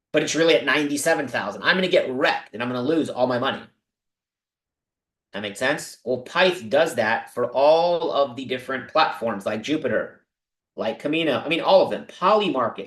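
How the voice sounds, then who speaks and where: Male stream host, excitable and chatty, mid-pitched, room echo on the voice. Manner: excitable, talks to viewers directly with many asides. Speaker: crypto livestream host. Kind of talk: casual livestream talk about investing.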